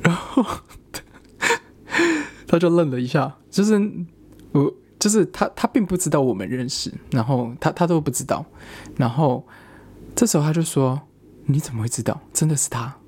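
A man's voice: a little high, normal speed, long pauses, dark tone, slight background noise. A young man, a student, telling a rambling personal story in casual chat, with frequent restarts.

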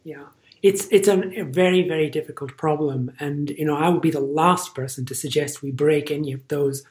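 A man's voice: on the high side, steady tone, normal speed, a little mellow. A middle-aged man with an Irish accent, a physician guest on a podcast interview, speaking earnestly and stressing his points through repetition. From Ireland.

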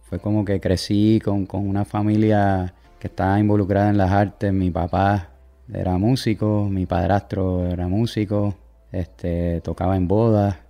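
Deep gravelly Puerto Rican man. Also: faint music behind. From Puerto Rico. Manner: relaxed, halting, many fillers. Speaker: guest artist. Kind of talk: casual interview answers.

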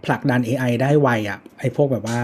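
A man chatting casually as a podcast co-host, relaxed and laid-back. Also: mid-range voice, fast, a little hiss or hum. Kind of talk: casual chat.

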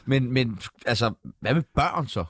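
A man's voice: mid-range voice, animated, fairly bright tone, no room sound, clean studio sound. A man co-hosting a radio show, joking and breaking into mock announcements in casual comedic chat. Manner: jokey, bursts into mock announcements. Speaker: radio co-host.

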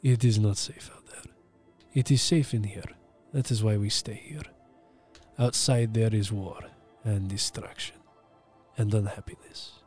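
Ancient benevolent male dragon, as a game master puts him on: deepened, slow, measured, hushed, mock-Russian accent. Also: faint music behind, natural voice. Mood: calm, protective. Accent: put-on Russian-like accent. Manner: slow, calm, measured pronouncements.

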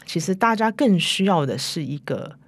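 A middle-aged woman speaks in a low register as an interview guest in a dry studio. Her Mandarin has a foreign-influenced, unpolished feel, and she often drops English words and short English tags into her sentences. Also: lively intonation, normal speed, husky, no echo. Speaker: interview guest, company chief executive. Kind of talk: conversational interview answers. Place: recording studio.

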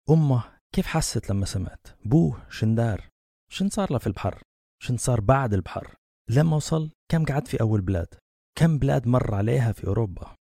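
A man's voice: mid-range voice, mellow, breathy edge, no room sound, studio quality. A Libyan man hosting a podcast, eager and given to musing aloud about his thoughts. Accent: Libyan Arabic. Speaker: podcast host. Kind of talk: casual podcast conversation.

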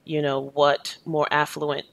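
A woman's voice: sits low, completely flat delivery, takes it slowly, creaky, fairly bright tone, no echo. A woman in her thirties who was born in Jamaica, answering interview questions in a thoughtful, earnest way, often with "you know.". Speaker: educator and activist, interview guest.

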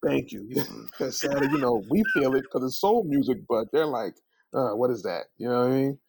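A gravelly, mid-range male voice comes through at a moderate pace over background noise. He's a singer sitting for an interview, telling relaxed, animated anecdotes where he voices the dialogue himself and keeps adding "you know" and "man."

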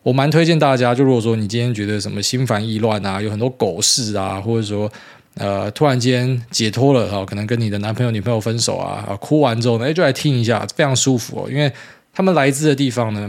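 Fast-talking Taiwanese Mandarin man in his thirties. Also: fairly low pitch. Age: 30s. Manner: rambling, blunt, peppered with mild profanity. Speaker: podcast host. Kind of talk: casual solo podcast monologue.

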